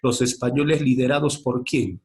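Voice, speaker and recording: A male teacher in front of his class fires off questions and then answers them himself. His ordinary mid-pitched voice jumps sharply on each question at a moderate pace, giving the lesson an eager, call-and-response feel.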